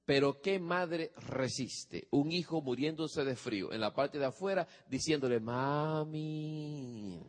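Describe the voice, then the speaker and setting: A man's voice: medium pitch, moderate pace, few pauses. A man preaching about parenting, telling a story and acting out the quotes while asking the audience questions. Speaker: preacher giving parenting advice. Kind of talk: sermon. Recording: long hall reverb.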